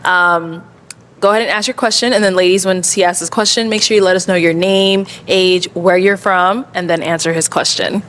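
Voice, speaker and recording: A woman's voice: on the low side, fairly even intonation, fairly quick, fairly bright tone. A woman hosting a dating show, chatty and upbeat as she guides the contestants. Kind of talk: casual hosting.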